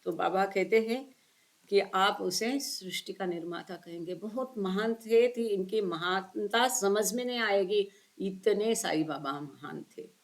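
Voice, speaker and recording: A woman's voice: mid-range voice, unhurried. A woman reads a spiritual book aloud passage by passage, then explains each part at length and puts questions to her listeners in an online session. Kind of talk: book reading with commentary.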